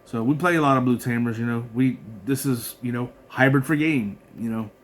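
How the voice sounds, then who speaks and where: A man's voice: mid-range voice, fairly quick, a little hiss or hum. A man casually walking through his card game deck, reading card effects aloud with lots of fillers and restarts. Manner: rambling, filler-heavy, reads card text aloud with frequent restarts. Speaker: card game content creator.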